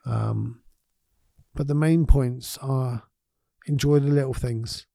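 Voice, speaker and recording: Mellow, earnest male podcast host. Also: medium pitch, fairly even intonation, slow, gravelly, no room sound, clean studio sound. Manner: earnest, gentle, encouraging. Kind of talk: reflective motivational podcast talk.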